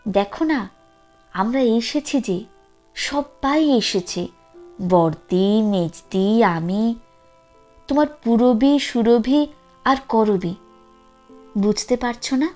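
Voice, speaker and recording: Lady reading as a grown daughter in an audio story, soft coaxing tone, kinda high and slow. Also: expressive, faint music behind. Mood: pleading. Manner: coaxing, pleading. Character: grown daughter, pleading, gentle with her mother.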